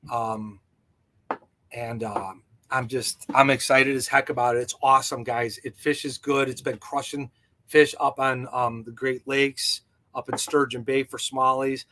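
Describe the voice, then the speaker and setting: A man's voice: mid-range voice, little pitch movement, unhurried, sharp tone. A man hosting a casual livestream, rambling enthusiastically with many fillers and answering viewers' chat. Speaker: livestream host and jig designer.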